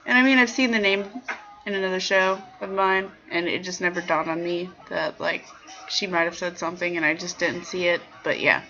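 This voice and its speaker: Playful bright-voiced woman streamer. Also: on the low side, steady tone, fairly quick. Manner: rambling, playful and sassy, greets chat viewers. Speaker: livestream show host. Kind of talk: casual chat reading viewer comments. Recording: dull lo-fi stream audio with faint background music.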